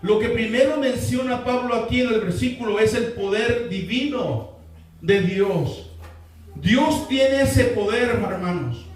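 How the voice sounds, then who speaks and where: Heard from well away from the mic in a strongly echoing church hall, a very high-pitched male pastor preaches at a measured pace. He hammers his points home by repeating key lines and calling for responses from the congregation.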